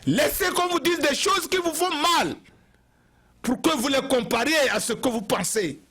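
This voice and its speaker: A man's voice: very high voice, lively intonation, moderate pace, pushed and bright. A man from Togo, giving an impassioned TV address and repeating phrases for emphasis. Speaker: TV commentator.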